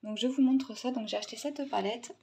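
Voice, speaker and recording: A young adult woman from Tunisia, chatting casually in a haul video, pausing often and restarting her sentences. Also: a little high, dark tone, a little hiss or hum. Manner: hesitant, many fillers and restarts, chatty. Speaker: vlogger.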